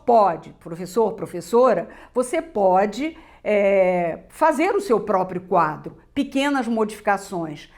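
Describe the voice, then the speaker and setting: A middle-aged woman with a Brazilian Portuguese accent explaining literacy teaching, measured and emphatic, checking in with "né?". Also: on the high side. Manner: measured, emphatic, lists points with repeated "né?". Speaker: literacy teacher presenting a textbook.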